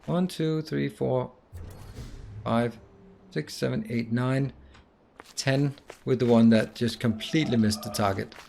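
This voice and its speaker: A man's voice: medium pitch, slow, vocal fry, pauses often, a little mellow, a little hiss or hum. A man playing a puzzle game blind, muttering his reasoning aloud and mocking himself. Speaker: gaming video host.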